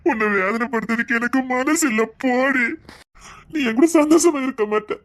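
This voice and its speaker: A man with a Tirunelveli Tamil accent playing a gruff, stubborn young man who keeps pushing his lover away. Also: very high-pitched, normal speed, a bit bright. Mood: anguished. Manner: curt, scolding, begging. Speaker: male lead in a comedy skit.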